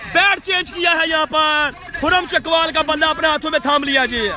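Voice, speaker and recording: A man giving excitable live cricket commentary, repeating phrases, stretching out calls and dropping in English phrases. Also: very high-pitched, normal speed. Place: outdoors at a cricket ground. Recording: outdoor crowd and traffic noise.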